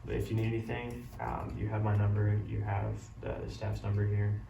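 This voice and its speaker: A man playing a caring doctor who breaks bad news gently, apologetically and haltingly in a role-played consultation. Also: fairly low pitch, monotone, creaky. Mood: gentle, apologetic. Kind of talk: amateur role-play of a medical consultation. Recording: roomy, distant mic, loud background noise.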